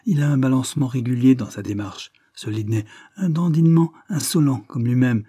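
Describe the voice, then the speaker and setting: A man's voice: medium pitch, a little fast, mellow, slightly rough, dry recording, clean studio sound, natural voice. A man voicing a sly, spiteful gossiping woman. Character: sly spiteful scheming woman, feigning innocence.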